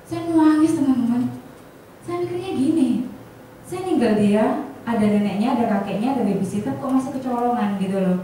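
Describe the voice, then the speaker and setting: Heard from a distance in an echoey hall with faint background noise, a woman who works as an insurance agent acts out the dialogue of a personal story for colleagues, often addressing the audience directly. She speaks fairly quickly, her pitch on the high side.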